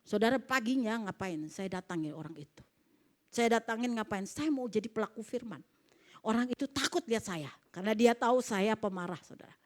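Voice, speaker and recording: High-voiced woman pastor preaching. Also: brisk. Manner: animated preaching, calls for amens, acts out dialogue. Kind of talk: sermon. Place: church service.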